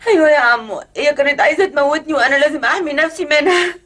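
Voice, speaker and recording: A shrill wailing scheming wife. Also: female voice, very fast, fairly bright tone. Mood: wailing hysterical. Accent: Egyptian Arabic.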